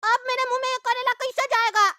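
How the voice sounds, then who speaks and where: A woman's voice: very high voice, flat delivery, fast talker, bright, forceful tone, a little hiss or hum. A woman voicing a cheeky, greedy young child who chatters to the viewers. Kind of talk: cartoon voice acting.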